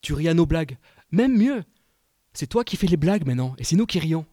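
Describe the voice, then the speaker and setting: Chummy, teasing friends, quoted by a preacher, quick and light. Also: male voice, a little high, big pitch swings, mellow, no echo, studio quality. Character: teasing group of worldly friends.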